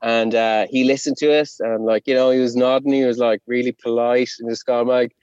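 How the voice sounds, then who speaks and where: Speaking fast, with a flat delivery, this Connemara man, a rapper whose first language is Irish, tells casual stories as an interview guest. He rambles, pokes fun at himself, and fills his speech with fillers. His mid-range voice is darkish, clear, and resonant, yet the recording sounds dull and dry with no echo.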